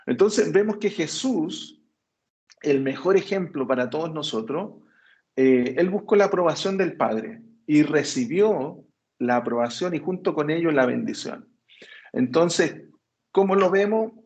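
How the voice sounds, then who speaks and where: A man's voice: fairly high pitch, expressive, a little slow, a little mellow. A man preaching a teaching sermon, explaining step by step and checking in with listeners as he goes.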